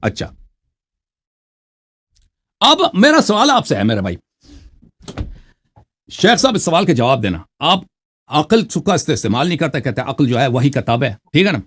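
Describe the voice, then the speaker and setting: A man with a slightly high, fairly bright voice and a breathy edge debates religion, his pitch swinging widely and his speech pausing often. He reads Arabic quotations aloud, then explains them mockingly, again and again asking "right?"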